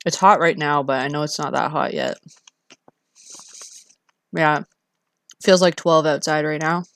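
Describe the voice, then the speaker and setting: Woman, Canadian accent, low register, slow-paced, casual streamer chat, expressive, self-interrupting. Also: no room sound. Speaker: live streamer.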